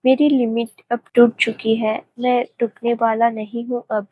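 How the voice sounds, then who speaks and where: A woman voicing a doting, playful young husband in a romance story, speaking softly and affectionately. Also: a little high, little pitch movement, a little slow, no echo, narrow, tinny audio. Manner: soft, affectionate, teasing. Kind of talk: audiobook story reading.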